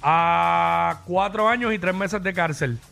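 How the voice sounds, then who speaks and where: A man with a Puerto Rican accent co-hosting a radio show, chatting and reading news in a lively, joking way. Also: on the high side, takes it slowly, vocal fry, soft background music. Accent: Puerto Rican Spanish. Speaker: radio co-host. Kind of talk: casual radio chat and news.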